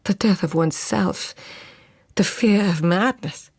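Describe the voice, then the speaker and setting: Creaky-voiced, haunted court lady. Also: fairly low pitch, unhurried, a little mellow, no room sound. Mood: brooding, fearful. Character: weary, fearful Japanese court lady haunted by visions. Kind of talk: radio drama acting, intimate inner monologue and dialogue.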